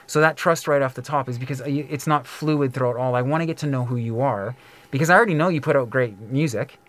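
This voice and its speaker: A middle-aged man talks quickly and freely on a casual podcast. He fills his sentences with "like" and "um." He slips into quoted voices as he tells a story, at an average pitch for a man. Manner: frequent fillers like "like" and "um". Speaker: podcast host.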